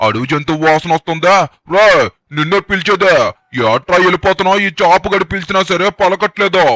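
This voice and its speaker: A man's voice: sits high, fairly quick, pushed and bright, no echo. Bossy suspicious detective dog, guy doing the voice, keeps nagging, dry close mic. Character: nosy suspicious dog who thinks he's a detective. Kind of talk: gameplay story voice-over.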